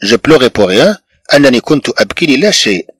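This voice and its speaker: A man with a Moroccan accent teaching a language lesson, patiently repeating phrases and breaking them down slowly. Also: medium pitch, sing-song, fairly bright tone, husky, dry recording. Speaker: French teacher.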